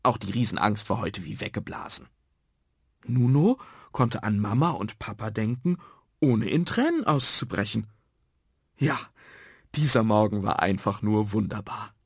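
A man narrating a children's story in a lively, expressive storytelling manner. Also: fairly low pitch, measured pace, vocal fry, husky, no room sound, studio quality.

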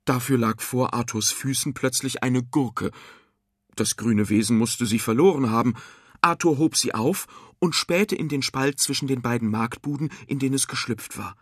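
A man reading a children's radio story aloud in a lively storytelling manner. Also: mid-range voice, moderate pace, husky, no room sound, clean studio sound. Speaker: narrator.

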